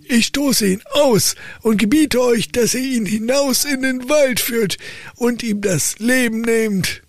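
A man voicing an old count, an angry father who scolds his son in a high, strained voice. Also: slow pace, no room sound, exaggerated voice. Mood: furious. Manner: shouting in high strained outrage.

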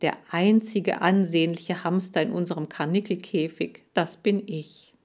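A woman's voice: on the low side, steady tone, a little slow, darkish tone. A woman doing a whiny, vain male hamster. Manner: whining, complaining.

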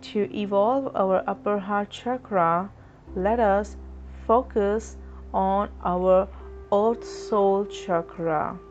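Slow soothing woman guiding a meditation. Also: medium pitch. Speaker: meditation guide. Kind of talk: guided chakra meditation. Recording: dull lo-fi recording with soft music.

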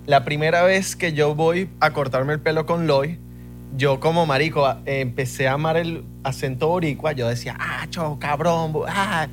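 A Venezuelan man in casual chat, telling an anecdote in an animated way. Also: on the high side, moderate pace, soft background music. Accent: Venezuelan Spanish.

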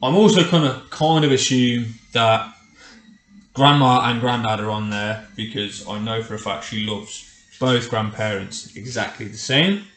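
A middle-aged man hosts a solo podcast in a casual, conversational way. His voice sits at an ordinary male pitch and rings with the roomy echo of a home kitchen. He addresses the listener directly, as if chatting one to one. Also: unhurried, a bit bright. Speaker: podcast host. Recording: echoey, roomy kitchen sound.

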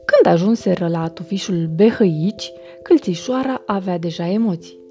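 Brief: soothing bedtime storyteller, woman, mellow dark tone, soft music under. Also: fairly low pitch. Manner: gentle, soothing. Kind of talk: bedtime story reading for children.

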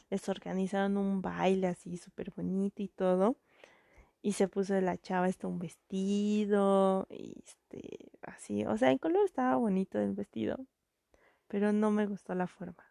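A woman with a Mexican accent, giving an animated, indignant casual monologue as a podcast host, with lots of fillers. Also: mid-range voice, vocal fry, no room sound, clean studio sound. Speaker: podcast host reviewing a film.

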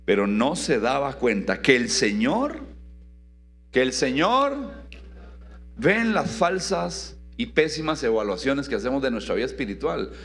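A man preaching a sermon to a young congregation. He is animated and teasing, and calls on listeners by name. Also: medium pitch, unhurried, soft background music.

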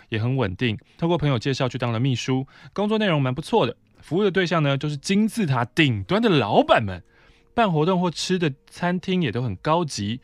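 A man's voice: mid-range voice, no echo. Taiwanese man reading a letter aloud. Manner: conversational reading with brief asides. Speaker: podcast host.

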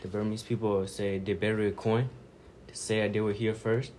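A man's voice: lowish voice, little pitch movement, normal speed, darkish tone, slight background noise. A young man talking casually in a group discussion, loose in his storytelling.

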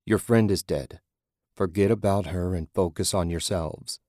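Leading strangers through the tunnels, the blind man is calm and grim, his deep voice matter-of-fact at a measured pace. A male narrator performs him in a close, dry recording with no echo.

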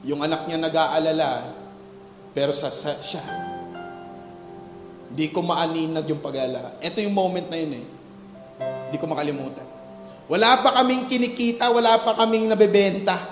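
A man's voice: fairly high pitch, moderate pace, pauses often. A pastor preaching a sermon, telling a story of his childhood and rising into emphatic preaching, mixing English into Tagalog. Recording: echoey hall with faint music.

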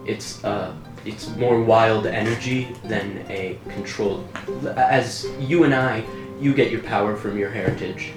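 Brief: casual player, playful and chatty, echoey room, music behind. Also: male voice, on the low side, a little slow. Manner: playful, explaining with fillers. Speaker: tabletop game player. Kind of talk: casual in-character play.

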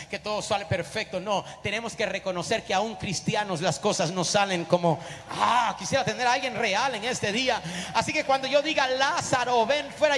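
A man's voice: sits high, fairly bright tone, a little hiss or hum. A man preaching a fervent sermon as a pastor and urging his congregation on. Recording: reverberant hall with faint music.

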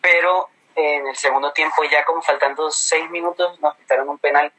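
A man's voice: on the high side, steady tone, normal speed, pushed and bright, rough recording. A man from Colombia with a fairly neutral coastal Colombian accent touched by inland speech, telling his experiences casually as an interview guest. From Colombia, Caribbean coast. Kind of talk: casual conversational storytelling.

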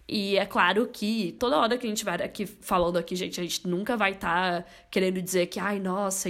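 A young woman co-hosting a podcast, speaking emphatically and often adding tag questions. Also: on the low side. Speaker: podcast co-host. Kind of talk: casual podcast discussion.

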